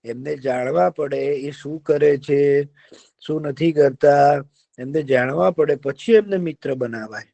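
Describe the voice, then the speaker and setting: A man's voice: fairly high pitch, a little slow, creaky, mellow, no room sound. A man voicing a wary male crow in a children's story who caws and questions sceptically. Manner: cawing, questioning.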